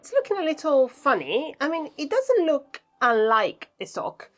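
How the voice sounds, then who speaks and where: A woman's voice: sits high, huge pitch swings, normal speed, fairly bright tone, soft background music. A woman chatting casually and reflectively to camera while she does crafts, thinking aloud as she goes. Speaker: craft vlogger.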